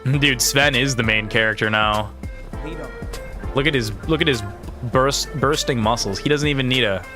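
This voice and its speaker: With music underneath, a man in his thirties speaks at a moderate pace in a mid-range voice. As a gaming video creator and streamer, he rambles through gameplay commentary in slangy, exclamatory fashion, frequently dropping "dude."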